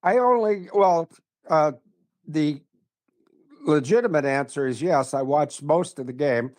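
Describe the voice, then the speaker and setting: A man's voice: a little high, a little slow, darkish tone. Blunt, rambling man in his seventies. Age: 70s. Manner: blunt, rambling, tangent-prone. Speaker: regular commentator. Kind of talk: casual chat.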